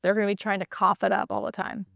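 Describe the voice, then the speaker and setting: A woman's voice: mid-range voice, fast talker, creaky, no room sound, clean studio sound. A woman who works as a hospice nurse, explaining and telling stories in a casual, emphatic way, often checking in with the listener. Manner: animated, emphatic repetition, frequent check-in questions like "right?". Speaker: hospice nurse, interview guest. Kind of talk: casual conversational explaining and storytelling.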